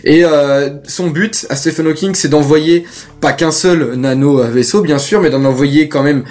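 A man's voice: a little high, moderate pace, a little mellow. Rambling young man, podcast co-host. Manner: rambling, hesitant with many fillers. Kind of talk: casual podcast chat.

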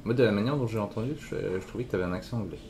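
A man hosting a podcast, asking relaxed questions in a casual interview at a hostel. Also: on the low side, very fast, slight background noise. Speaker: podcast host.

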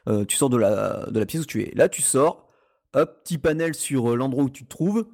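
A man's voice: mid-range voice, lively intonation, moderate pace, gravelly, darkish tone. A man chatting casually about a video game, rambling with many hesitations and restarts. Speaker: podcast host reviewing a video game. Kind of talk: casual chat.

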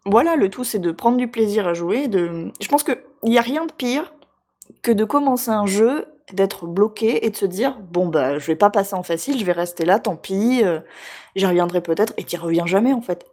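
A woman co-hosting a casual video game chat, enthusiastic and chatty, laughing often and filling pauses. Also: medium pitch, lively intonation, a little mellow. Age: adult with a job. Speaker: podcast co-host.

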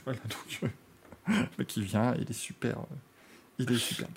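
A man's voice: medium pitch, fairly even intonation, normal speed, creaky, a little hiss or hum. A man hosting a motorsport podcast, chatting casually and joking, rambling with frequent restarts. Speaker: podcast host.

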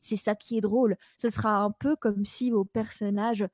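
A woman's voice: medium pitch, steady tone, moderate pace, darkish tone, no room sound. A woman hosting an improv comedy show, presenting casually to a live online audience.

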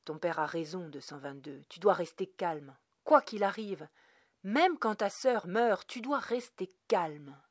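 A woman's voice: on the low side, animated, a little slow, dry recording, studio quality. A woman voicing a grieving mother who coaxes and pleads with her small son in a read story. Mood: pleading. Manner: pleading, soothing, then urgent.

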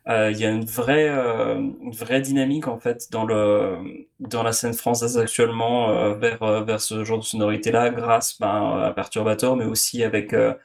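A man's voice: on the low side, level tone, normal speed, vocal fry. A man co-hosting a podcast, talking casually about music with frequent hesitations and repeated words. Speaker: podcast co-host.

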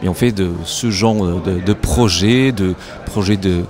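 Amid the busy crowd chatter of a trade fair, a deep-voiced man whose first language isn't French answers interview questions in French as a company representative. He speaks with a foreign accent and haltingly, repeating words while he hunts for the right phrasing.

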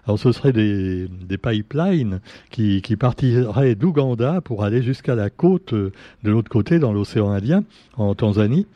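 A man's voice: lowish voice, lively intonation, normal speed, no echo. A man hosting a casual press review, chatty and sarcastic, with many fillers and asides. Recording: dull lo-fi sound.

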